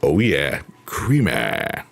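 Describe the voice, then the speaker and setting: Over clear, chill piano music, a man in his 50s hosts a livestream, going through viewer comments in easy conversation. His bass voice is deep, his manner friendly and unhurried.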